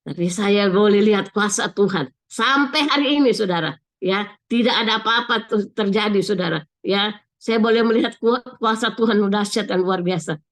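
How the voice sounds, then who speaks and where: A woman's voice: medium pitch, normal speed. An older woman giving a sermon with a personal testimony over a video call, earnestly and often turning to her listeners. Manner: keeps addressing listeners as brothers and sisters, earnest. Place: online video meeting.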